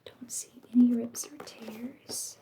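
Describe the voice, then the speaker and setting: A woman doing a whispered role-play as a polite, helpful library clerk, in a soft, mostly unvoiced library whisper with a gentle, unhurried manner. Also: a little high, fairly even intonation, gravelly, background noise.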